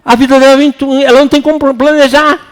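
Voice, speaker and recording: A man with a Brazilian Portuguese accent giving a lively, colloquial seminar lecture to an audience. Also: very high voice, fast talker. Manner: animated and colloquial, acts out quoted voices. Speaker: seminar speaker. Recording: reverberant hall.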